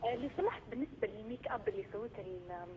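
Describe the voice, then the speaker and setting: A woman comes through faintly on a phone line, as if the phone is held away from her. The sound is dull and muffled, and a light hiss runs under her speech. She talks quickly in short, hesitant questions. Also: medium pitch, expressive. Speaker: caller to a call-in show.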